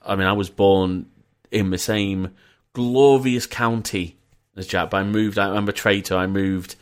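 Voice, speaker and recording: A man's voice: deep voice, steady tone, a little slow, clean tone. A man with a northern English accent from Yorkshire, hosting a casual podcast chat over an internet call, chatty and rambling with joking asides. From North of England. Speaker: podcast host.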